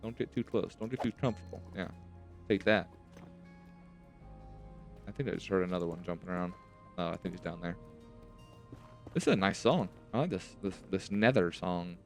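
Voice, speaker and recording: Hosting a casual let's-play, a low-voiced man talks to himself while gaming, chatty and rambling, with a slight lisp caused by retainers. He speaks expressively at a normal pace with long pauses, and faint music plays behind him.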